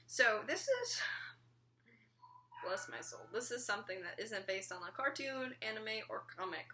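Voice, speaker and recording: Bright-voiced chatty teen girl vlogging. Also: on the high side, normal speed, a little hiss or hum. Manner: chatty and rambling, frequent "like" and "um", casual swearing. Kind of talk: casual vlog reaction.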